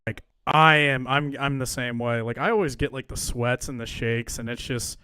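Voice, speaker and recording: A man's voice: mid-range voice, normal speed, sharp tone, clear, resonant tone. A young man co-hosting a podcast in casual chat, laid-back and agreeable, swearing now and then. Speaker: podcast co-host.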